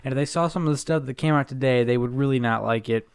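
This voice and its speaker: A man's voice: medium pitch, fast talker, creaky, clear, resonant tone, dry recording, studio quality. A man co-hosting a casual podcast, talking in a laid-back, hesitant way with many restarts. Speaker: podcast co-host.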